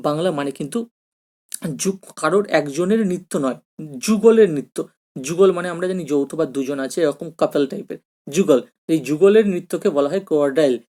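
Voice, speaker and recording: A man's voice: fairly high pitch, warm tone. A man with a Bengali accent teaching an online exam-prep lesson, addressing students directly and spelling out English words letter by letter.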